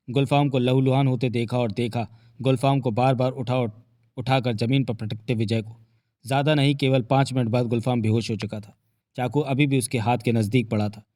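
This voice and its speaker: A man narrating an audiobook with vivid, dramatic storytelling. His voice sits at an ordinary pitch, and the recording is dry and close with no room sound. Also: a little mellow, dry recording. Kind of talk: dramatic novel reading.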